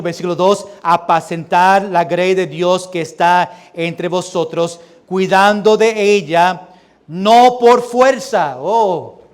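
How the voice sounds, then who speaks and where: A young man with a Puerto Rican Spanish accent preaching a sermon as pastor, reading scripture slowly and loudly and dropping to quieter asides. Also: high-pitched. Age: young adult. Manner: reads scripture slowly and loudly, then drops to soft asides.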